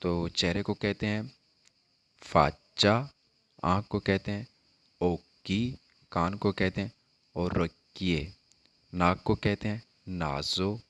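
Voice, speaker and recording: Deep-voiced man teaching words slowly. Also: steady tone. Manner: slow repetitive word drills. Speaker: language teacher. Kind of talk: casual language lesson.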